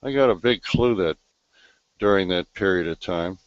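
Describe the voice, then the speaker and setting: A man hosting a live online talk show over a video call, speaking in a slow, reflective way with many pauses and fillers. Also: sits low, smooth, no room sound, muffled recording. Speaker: host.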